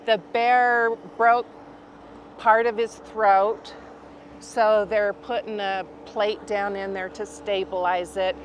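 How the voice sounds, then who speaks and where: Woman interviewee, slow earnest delivery, faint background noise. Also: medium pitch, flat delivery. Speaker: victim's sister, interviewee. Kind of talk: casual interview.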